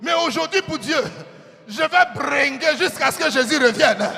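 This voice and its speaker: A man preaching a sermon in a fervent, shouting style with dramatic repetition. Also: extremely high pitch, expressive, moderate pace, creaky. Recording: reverberant hall with faint music.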